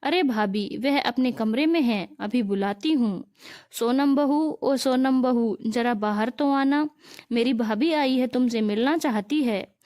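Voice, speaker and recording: A woman voicing a patient, loving mother-in-law who speaks softly to her son and daughter-in-law. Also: a little high, a little slow, natural voice. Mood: welcoming. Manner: soft, loving, soothing.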